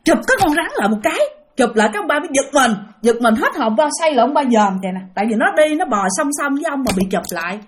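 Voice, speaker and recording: A woman with a Southern Vietnamese accent tells a ghost story in a high, animated voice. She speaks straight to her listeners and repeats phrases for effect. Her pitch swings widely through the telling. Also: racing.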